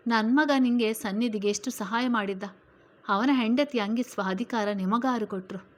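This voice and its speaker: A woman playing a middle-aged mother in a spoken story, stern and fiercely protective of her sons. She scolds the family in a loud, forceful voice, pitched a little above her normal speaking voice. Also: normal speed, close to an everyday voice. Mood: angry.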